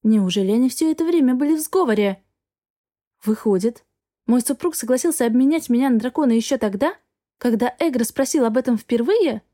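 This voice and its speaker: A woman's voice: fairly high pitch, animated, brisk, mellow. A woman narrating a fantasy novel in the first person, reading expressively. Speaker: audiobook narrator.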